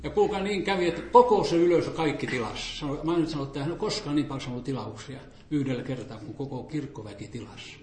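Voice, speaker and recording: An older man from Finland telling animated stories about church gatherings and selling books, acting out the voices he quotes and chuckling often. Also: fairly high pitch, few pauses. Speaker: storyteller recounting church and book-selling experiences. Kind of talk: lively anecdotal storytelling. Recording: roomy echo, faint background hiss.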